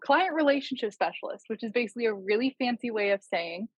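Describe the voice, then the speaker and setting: A woman's voice: on the high side, animated, fast talker, breathy edge, no room sound, rough recording. A woman in her twenties, chatty and self-deprecating, talking casually on a podcast. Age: 20s. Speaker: project manager.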